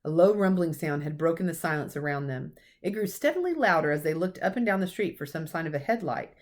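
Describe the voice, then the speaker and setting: A woman with a fairly low voice reads a children's storybook aloud, narrating expressively and at a quick pace the way a teacher would for young listeners.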